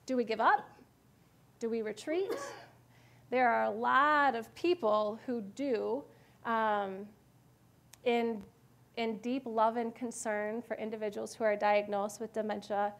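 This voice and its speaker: Woman, 30s, adult-ed lecturer; fairly high voice with a gravelly fry, earnest and reflective. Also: fairly even intonation, takes it slowly, a bit bright. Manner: earnest, reflective, checks in with "okay?" and "right?". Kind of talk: personal lecture with slides. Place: church meeting room. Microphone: far camera in room.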